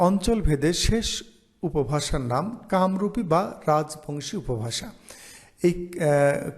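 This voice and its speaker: A man teaching an online lesson, explaining slowly and reading out example phrases. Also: a little high, a little mellow. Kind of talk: online lecture.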